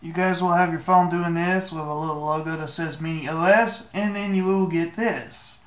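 A man with a fairly high voice walks viewers through a phone fix in a laid-back, joking tone, swearing now and then. His voice bounces around an echoey room. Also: steady tone, moderate pace, a bit bright. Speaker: tech tutorial maker. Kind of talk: casual screen-recorded walkthrough.

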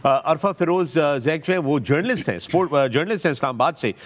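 A man's voice: fairly high pitch, lively intonation, fast talker. A man hosting a studio cricket panel, reading out viewer questions and bantering with the guests. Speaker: show host.

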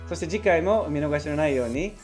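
A man leading an English pronunciation lesson in a slightly raised pitch. He explains clearly and patiently, repeating phrases slowly so learners can follow. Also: lively intonation, a little mellow, soft background music. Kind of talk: language lesson.

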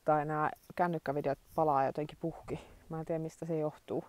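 A woman in her forties talks casually to her phone camera around her countryside home, thinking aloud and filling pauses as she goes. Her voice sits fairly low and sounds dry and close, with little room around it. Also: fairly even intonation, no room sound. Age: 40s. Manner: chatty, thinks aloud with many fillers. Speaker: vlogger. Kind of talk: casual vlog chat. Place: rural home and yard.

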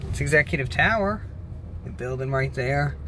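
An American man thinking aloud in an unhurried, casual way as he gives a rambling driving commentary. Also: medium pitch, lively intonation. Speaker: vlogger driving. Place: inside a moving car. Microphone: handheld phone. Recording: loud car and road noise.

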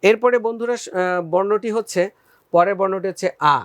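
A man gives a recorded school lesson in a fairly high voice, pausing to pose questions and then answer them. He draws out each vowel slowly so students can copy him. The sound is dry and close, with no room echo. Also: fairly even intonation, fairly bright tone. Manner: patient, addresses students as friends, asks and answers own questions. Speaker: teacher.

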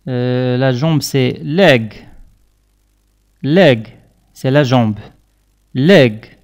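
A man teaching vocabulary, saying each word slowly and loudly and repeating it. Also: medium pitch, clean tone. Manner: slow, deliberate, loud repeated words. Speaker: English teacher. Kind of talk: vocabulary lesson with repeated pronunciation drills.

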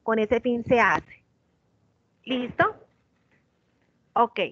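A woman's voice: a little high, very slow, dry recording, highs cut off. A woman with a Colombian Spanish accent teaching an online English class, patiently correcting pronunciation and switching between Spanish and English. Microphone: video call.

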